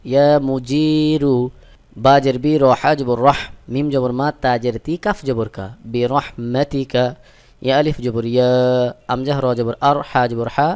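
Male religious teacher, Bangladeshi Bengali accent, clear resonant tone, brisk spelling with slow sung words. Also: mid-range voice, darkish tone. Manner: slow drawn-out chanting of each joined word after brisk spelling. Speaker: Quran recitation teacher. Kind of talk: spelling out Arabic letter by letter for learners.

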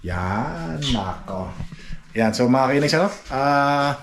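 A man's voice: medium pitch, animated, takes it slowly. A man from the Philippines, chatting to his viewers in a playful, boastful, joking way, often breaking into laughter. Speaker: vlogger. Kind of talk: casual home vlog chat. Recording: faint background noise.

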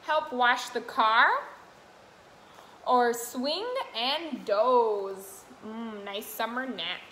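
A young adult woman with a highish, pushed, bright voice speaks extremely slowly while reading and teaching toddlers in a sing-song way, asking simple questions. As a classroom helper, she sits on the floor of an indoor classroom, and the recording carries a roomy echo and faint room noise.

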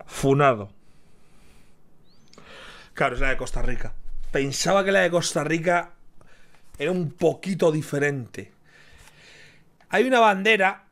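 A man's voice: fairly high pitch, lively intonation, a little slow, pauses often, fairly bright tone. A man, reacting to a quiz in casual commentary, thinking aloud, repeating his guesses and cheering himself on. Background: quiz background music.

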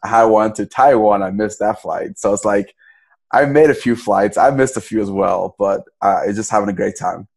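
A man's voice: fairly low pitch, moderate pace, a little mellow. A young man from Cameroon, a podcast guest, talking casually in a loose, rambling way with many restarts. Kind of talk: casual interview.

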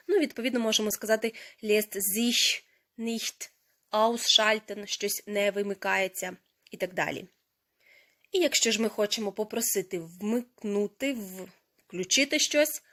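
A woman gives a language lesson at a medium pitch. She explains grammar in careful steps. Each foreign word is repeated slowly and distinctly so listeners can follow. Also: fairly bright tone. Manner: slow, careful pronunciation of foreign words. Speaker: language teacher. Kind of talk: teaching a lesson.

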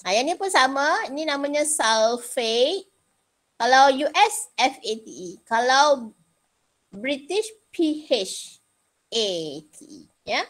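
A woman's voice: sits high, expressive, slow pace, fairly bright tone. A middle-aged woman with a Malaysian Malay accent teaching an informal online lesson, chatty, repeating points and mixing in English terms. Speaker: chemistry teacher. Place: indoors, on a video call.

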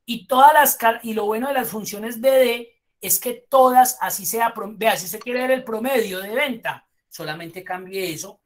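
A woman's voice: fairly high pitch, normal speed, hardly any pauses. A woman teaching a spreadsheet course online, explaining step by step and praising her students.

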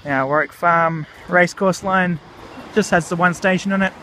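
A man's voice: high voice, moderate pace, rough recording. Chatty Australian guy filming a walk. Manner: chatty, relaxed, with fillers and "righto". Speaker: vlog host. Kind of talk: casual walking vlog narration. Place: outdoors on a disused railway platform in a park. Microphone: handheld camera mic while walking. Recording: outdoor camera audio with clear insect noise.

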